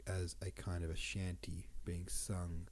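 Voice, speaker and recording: In a low, slightly slow voice, a man hosting a podcast reads old verse and talks it over casually. His nose sounds blocked and he sniffles, and his asides stay relaxed.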